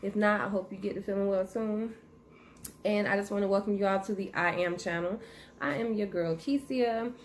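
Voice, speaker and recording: A woman hosting her own channel, chatting casually with viewers while chewing gum, with a relaxed, friendly manner. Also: mid-range voice, moderate pace. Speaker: channel host. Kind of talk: casual vlog chat. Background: faint noise of her dog moving around.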